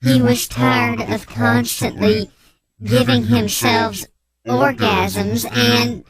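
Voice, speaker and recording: A performer playing an anonymous informant on a radio comedy bit, speaking through an electronically disguised voice with a slow, deadpan delivery. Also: mid-range voice, a loud crowd, rough recording. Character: anonymous tipster in hiding, deadpan and lurid.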